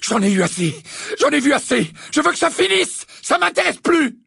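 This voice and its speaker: A grieving teenage boy wizard shakes with fury and shouts himself hoarse , as a man puts him on. The voice is pitched high, husky and wildly lively. It sounds close and dry. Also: moderate pace, dry recording, heavily acted. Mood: furious. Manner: trembling, shouting, raging. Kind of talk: audiobook character voice.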